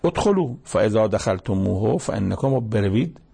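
Gravelly, husky male preacher. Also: on the low side, expressive, mellow. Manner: recites Arabic verses slowly, then explains in colloquial speech. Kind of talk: Quranic commentary sermon.

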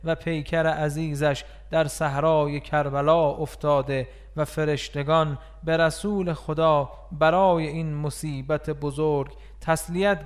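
Guy reading a religious text out loud, smooth clear voice, kinda high, mournful and earnest. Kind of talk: solemn scripted reading.

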